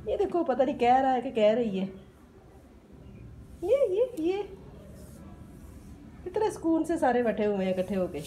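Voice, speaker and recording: A woman's voice: on the high side, expressive, fast, hardly any pauses, mellow, a little hiss or hum. A woman with a Pakistani Urdu accent, playfully teasing a toddler in a sing-song voice while filming a home vlog. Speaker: vlogger. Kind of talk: playful baby-talk narration to a child. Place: home during a power cut.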